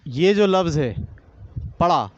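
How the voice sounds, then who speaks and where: A middle-aged man giving a teacher training lecture, spelling out words slowly letter by letter. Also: on the high side, expressive, darkish tone, no echo. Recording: dull lo-fi recording.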